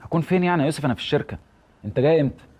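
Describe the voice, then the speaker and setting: A man's voice: fairly high pitch, expressive, racing, darkish tone. An actor playing an exasperated, sarcastic male friend with an Egyptian accent in a comedy series. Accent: Egyptian Arabic. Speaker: friend and colleague.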